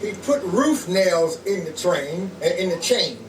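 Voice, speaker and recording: A man, a pastor, preaching a sermon in short slow phrases, pausing so an interpreter can translate. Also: high voice, animated, crowd noise. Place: small home church. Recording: echoey room from far off, loud room noise.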